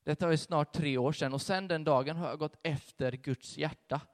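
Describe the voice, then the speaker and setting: Young man preaching in a reverberant hall. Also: on the high side. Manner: conversational, animated storytelling. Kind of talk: sermon with personal testimony.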